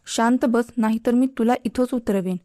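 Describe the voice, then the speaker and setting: A woman's voice: on the high side, steady tone, moderate pace, dark tone, no echo, studio quality, close to an everyday voice. A woman voicing an irritated young male college student who keeps complaining, in a spoken storybook. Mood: annoyed.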